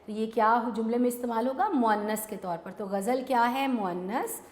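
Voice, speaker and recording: A woman teacher leads an online exam-prep lesson, calling students "beta" and asking and answering her own questions. Her voice sits a little high. The sound is roomy, with a long hall echo. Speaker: Urdu teacher.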